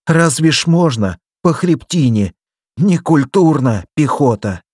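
A man's voice: a little high, lively intonation, measured pace, a little mellow, dry recording, clean studio sound, voice pushed up. A man voicing a brash young male sailor who lisps through a bloody, runny nose. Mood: indignant. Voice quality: lisping.

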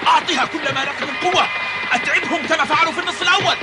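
Bossy young footballer, very high-pitched. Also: male voice, rapid-fire, a loud crowd. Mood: commanding. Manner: commanding, forceful. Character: bossy, scornful young male football player urging teammates. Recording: loud music under the voice.

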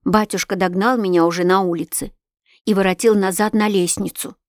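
A woman narrating a novel aloud, telling it with rising feeling. Her voice sits at an ordinary pitch. The sound is dry and close to the mic. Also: fairly quick, dry recording. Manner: expressive, emotional storytelling. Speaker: audiobook reader. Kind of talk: scripted narration of a classic novel.

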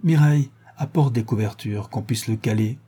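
A man voicing a gruff, blunt farmer. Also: mid-range voice, moderate pace, mellow. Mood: commanding. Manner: blunt, commanding. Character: gruff rural farmer roused at night.

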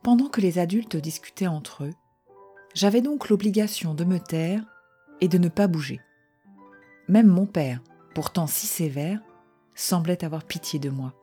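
A woman calmly reading a first-person short story aloud in a measured voice. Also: on the low side, slightly rough, soft background music.

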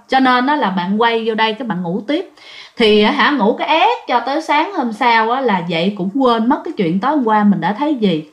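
A woman's voice: a little high, lo-fi sound. A woman telling a ghost story in a chatty, casual way to her listeners. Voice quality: lively, chatty, drawn-out southern fillers.

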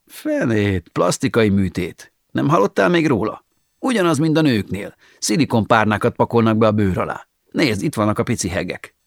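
A man's voice: lowish voice, big pitch swings, creaky, no room sound, clean studio sound. A man reading the part of a boastful young man with surgically fake muscles, chatting breezily with his lover.

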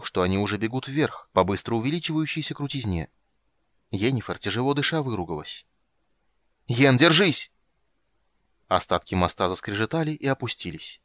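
A man giving steady, dramatic audiobook narration. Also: on the low side, dry recording, clean studio sound.

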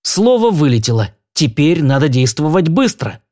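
A man narrating an audiobook with expressive, lively storytelling. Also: a little high, normal speed. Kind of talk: audiobook reading.

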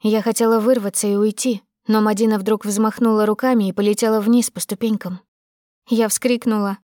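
A woman's voice: medium pitch, flat delivery, a little fast, mellow, no echo, clean studio sound. A woman narrating a tense, dramatic audiobook in the first person.

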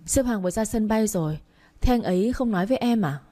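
A woman's voice: medium pitch, expressive, quick pace, dark tone, natural voice. A woman voicing a friendly, helpful male assistant who speaks plainly. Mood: informative.

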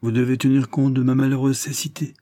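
A man voicing a blind gentleman detective who speaks softly, in a measured and quietly ironic way, in an audiobook reading. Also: mid-range voice, level tone, no echo, studio quality, pitched above the performer's own voice, lightly acted. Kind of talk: audiobook character voice.

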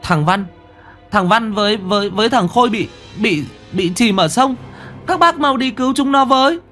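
A panicked young village boy, as a male storyteller puts him on, his voice pushed high and thin. He stammers and repeats himself, tripping over the words in a breathless rush. It sounds like a spoken ghost story. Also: normal speed, soft background music, lightly acted.

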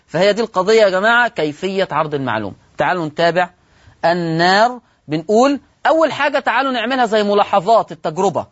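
A man's voice: high voice, no echo. Egyptian-accented male recitation teacher, asks and answers his own questions, dull dry broadcast audio. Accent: Egyptian Arabic. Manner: asks rhetorical questions and answers them, slows down to stress rules. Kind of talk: televised religious lesson.

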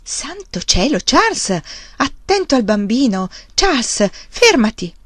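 A woman's voice: high-pitched, big pitch swings, unhurried, fairly bright tone, no echo, voice pushed up, exaggerated voice. Woman doing a cautious young farm wife, alarmed and pleading, dry close sound.

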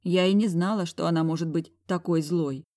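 Woman, audiobook narrator, wry storytelling, lowish voice, dry close sound. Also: moderate pace, mellow, no room sound. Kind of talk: first-person audiobook narration.

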